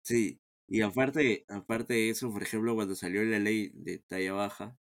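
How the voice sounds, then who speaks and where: Peruvian male interview guest, low pitch, reflective and unhurried, repeats words as he thinks. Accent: Peruvian Spanish. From Peru. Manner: calm, reflective, many restarts and repeated words. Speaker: guest, founder of a sports team. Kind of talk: casual interview conversation.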